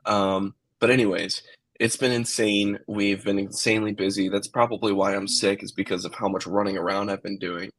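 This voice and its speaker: A man's voice: lowish voice, level tone, moderate pace, fairly bright tone, dry recording. A young man co-hosting a casual podcast while sick with a cold, rambling with many fillers and apologies. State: has a cold. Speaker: podcast co-host. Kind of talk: casual chat.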